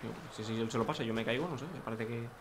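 A man's voice: medium pitch, very fast, background noise. A young man, joking crudely and chatting casually as he plays a racing game. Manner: joking, crude, talks to himself and viewers. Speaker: gaming youtuber. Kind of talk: casual gameplay commentary.

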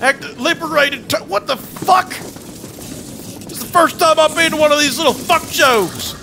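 A man puts on a bossy drill sergeant for game role-play, pitched extremely high and strained. He barks orders and swears freely over loud battle noise. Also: unhurried, gravelly, full character voice. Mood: gruff, alert.

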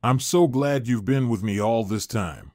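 A man's voice: medium pitch, unhurried, darkish tone, dry recording, studio quality, lightly acted. A man reading the part of a young woman just out of a coma, speaking in a slightly raised, emotional and weary voice. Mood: tearful.

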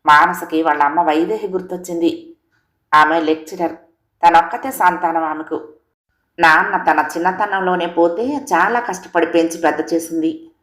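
A woman narrating a family story in a steady, expressive reading. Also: fairly low pitch, normal speed. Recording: roomy echo.

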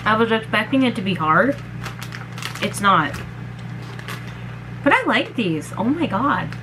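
Young woman talking thru a mouthful of snacks, slow and rambly, lots of hiss in the background. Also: medium pitch, big pitch swings. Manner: chatty, rambling, lots of "like" and "oh my god". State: mouth full. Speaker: vlogger. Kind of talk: casual snack taste test.

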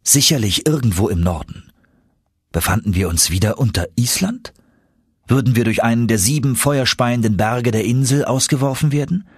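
A man narrating an audiobook in a lively, expressive storytelling manner. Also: medium pitch, moderate pace, breathy edge, no echo, studio quality. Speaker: audiobook reader. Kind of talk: scripted narration.

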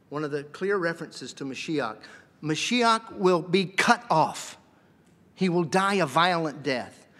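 A man giving a seminary lecture in a lively, joking way, sometimes acting out voices. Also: high-pitched. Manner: lively, jokey, acts out voices. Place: lecture hall. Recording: reverberant lecture hall.

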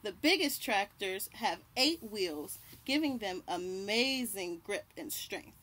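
Sitting on a house porch beside trees, with birdsong and faint outdoor noise around her, a young woman reads a picture book to children as a read-aloud host. She goes deliberately, pausing to indicate and label the illustrations, in an expressive, slightly bright, medium-pitched voice.

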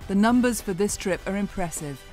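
A woman narrating a sailing news show in a measured, polished broadcast style. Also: mid-range voice, expressive, a little mellow, faint music behind. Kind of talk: scripted sports news narration.

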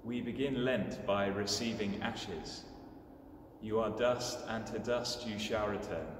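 A young clergyman with a lowish voice delivers a scripted homily in a measured, solemn manner inside a large stone church. The recording is distant and echoing, with clearly noticeable noise.

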